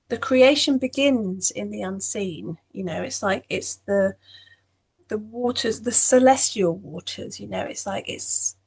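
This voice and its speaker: A woman's voice: mid-range voice, creaky, slightly rough. A woman giving a meandering spiritual astrology talk, full of "you know" fillers. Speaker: astrology channel host.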